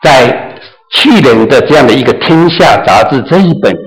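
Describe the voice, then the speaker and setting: A man's voice: mid-range voice, lively intonation, normal speed, rough recording. A man preaching a sermon as pastor, emphatic, sometimes acting out quotes and mixing in English phrases. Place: church in New Zealand.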